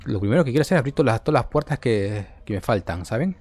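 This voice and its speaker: Animated male gamer narrating his play. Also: medium pitch, fast, soft background music. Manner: animated, talks to the game character and viewers. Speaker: gaming video creator. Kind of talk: casual let's-play commentary.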